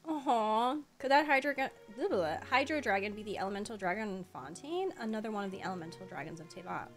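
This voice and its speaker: A woman's voice: mid-range voice, animated, fast. Chatty woman streamer, doting commentary with faint game music behind. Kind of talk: casual let's-play commentary.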